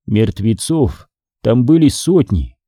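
A man reading a horror audiobook in a measured, expressive storytelling manner. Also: mid-range voice, no echo, clean studio sound. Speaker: audiobook reader. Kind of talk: scripted horror audiobook narration.

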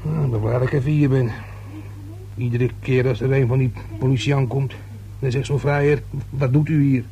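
A husky, gravelly voice belongs to an actor playing a nosy, grumbling working-class man in a radio drama, speaking in a halting, colloquial, self-important way. Medium in pitch, steady and warm, it is close to an everyday voice, though the audio is poor with slight background noise. The mood is knowing.

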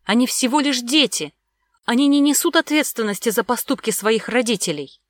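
A woman's voice: a little high, lively intonation, fairly quick, no room sound, clean studio sound, voice pushed up, lightly acted. A woman voicing a defiant young nanny. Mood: pleading. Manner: pleading, nervous, defiant.

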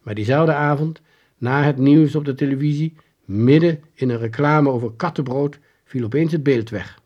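A man reading a children's book aloud in a lively storytelling manner. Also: normal speed, highs cut off. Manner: lively storytelling with varied pitch. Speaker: audiobook reader. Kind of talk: scripted narration of a children's book.

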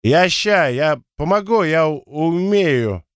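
A man playing a tipsy young fellow who stammers and giggles, his voice swinging high and low with drunken glee. It sounds dry and close, as if read in a small booth for an audiobook. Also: expressive, slow pace, smooth, dry recording.

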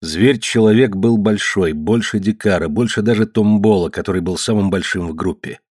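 Man reading an audiobook, lowish voice, steady and measured, dry close sound. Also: breathy edge, dry recording. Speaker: audiobook narrator. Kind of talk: scripted narration.

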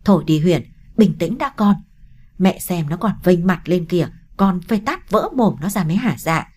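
Woman reader doing an angry mom, scolding, dark husky voice. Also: on the low side, animated, moderate pace. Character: angry middle-aged mother, protective and scolding. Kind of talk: audiobook character reading.

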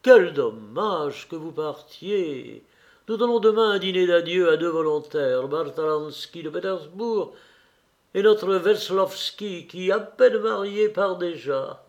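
A man's voice: high voice, slow pace, highs cut off, voice pushed up. A man voicing a cheerful, talkative middle-aged nobleman who speaks eagerly and effusively in a read novel.

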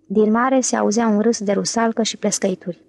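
A woman narrating an audiobook in a steady, even reading. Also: mid-range voice, creaky, no room sound. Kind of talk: scripted narration.

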